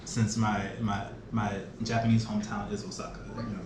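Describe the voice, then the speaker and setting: A man's voice: lowish voice, flat delivery, fairly quick. A man in his twenties chatting casually as an interview guest, often searching for his words. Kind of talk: casual chat. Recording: echoey room with background noise.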